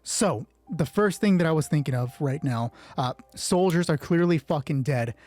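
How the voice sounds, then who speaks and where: A man with a fairly high, lively voice speaks at a moderate pace with a slightly mellow tone. He's running a solo roleplay game as game master, switching between hushed, terse scripted narration and casual, swearing commentary as he thinks aloud during play. Music plays in the background.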